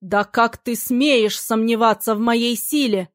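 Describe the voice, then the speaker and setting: A woman's voice: mid-range voice, fairly even intonation, normal speed, dry recording, clean studio sound, lightly acted. A woman reading the lines of a domineering male battle mage, commanding and silky by turns. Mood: menacing. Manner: commanding, then silky and menacing.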